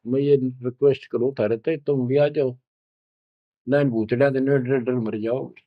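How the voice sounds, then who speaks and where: A man's voice: medium pitch, steady tone, unhurried, no echo, close to an everyday voice. A man voicing a faithful village man who explains earnestly, in slightly muffled audio. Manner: earnest, reassuring.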